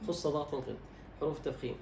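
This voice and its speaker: Fast-talking male recitation teacher. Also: on the high side, vocal fry, darkish tone. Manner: instructive, quizzes and demonstrates slow drawn-out words. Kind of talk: recitation lesson, correcting a student. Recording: roomy echo, distant mic, faint noise.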